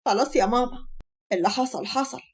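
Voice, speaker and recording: A woman's voice: fairly high pitch, quick pace, husky. A woman voicing a bitter young Egyptian wife who answers her mother with sarcasm.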